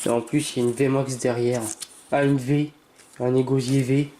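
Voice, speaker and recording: A man casually commenting as he opens trading cards, reading names aloud, stumbling over words and breaking into excited cries while keeping his voice down. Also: moderate pace, a little hiss or hum. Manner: reads card names aloud, stammers, bursts into excited exclamations; holds back from shouting, keeps voice low at night. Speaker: YouTuber opening trading cards. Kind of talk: casual card-opening commentary.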